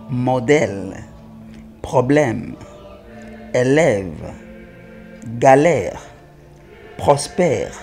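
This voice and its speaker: A man teaching French spelling, reading words slowly and spelling out syllables, with faint music behind him. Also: mid-range voice, warm tone. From Congo (DRC). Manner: spells out syllables, slow and emphatic. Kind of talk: slow, deliberate French reading lesson.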